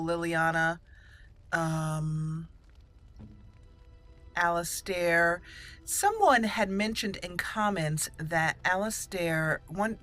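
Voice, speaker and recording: With game music in the background, a woman hosting a gaming video gives relaxed, chatty roleplay commentary and thinks aloud in a playful way. Her voice is fairly low and sharp-toned.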